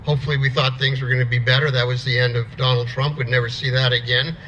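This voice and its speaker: A man's voice: medium pitch, level tone, fast talker, bright, forceful tone, muffled recording, a little hiss or hum. A middle-aged man from the United States telling a plainspoken story at an outdoor rally, restarting words as he goes. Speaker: rally speaker.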